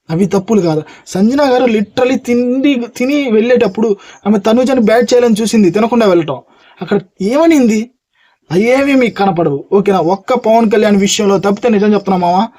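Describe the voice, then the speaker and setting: A man's voice: high-pitched, dark tone. A man reviewing a reality show in a heated monologue, firing rhetorical questions and calling his viewers mama. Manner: argumentative, fires rhetorical questions at rival reviewers; calls viewers "mama" and "swamy".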